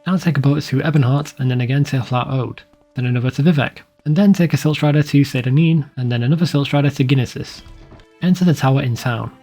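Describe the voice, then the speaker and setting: Over soft background music, a man narrates a scripted game guide plainly and informally, giving instructions. He speaks fast in a mid-range voice with a dark tone.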